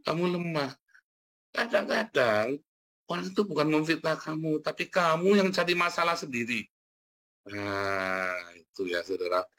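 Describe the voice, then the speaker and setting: A man delivers a sermon as pastor, his voice bright and forceful. He is animated, leaps up in pitch for emphasis and laughs often as he addresses the congregation directly. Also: unhurried.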